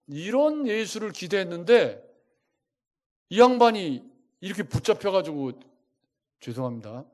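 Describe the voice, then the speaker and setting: Questioning male pastor, rising pitch. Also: a little slow. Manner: asks the congregation many rhetorical questions; lively, shifting loudness for emphasis. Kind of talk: sermon.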